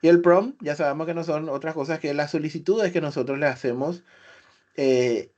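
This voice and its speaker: A man presenting a webinar, explaining software step by step with rhetorical questions and filler sounds. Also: a little high. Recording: slightly dull webinar audio.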